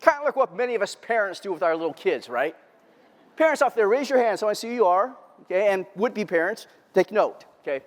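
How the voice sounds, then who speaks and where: A man giving a humorous keynote talk to a live audience, lively and quizzing the crowd. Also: sits high, fairly quick. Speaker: keynote speaker. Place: large lecture hall before an audience. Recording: long reverb of a large hall.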